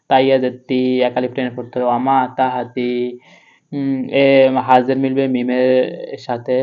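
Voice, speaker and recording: A man's voice: medium pitch, smooth, lo-fi sound. A man teaching Quran reading, spelling out each letter and vowel mark before chanting the words. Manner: spells out letters and vowel marks slowly, then chants the verse. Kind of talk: step-by-step spelling lesson.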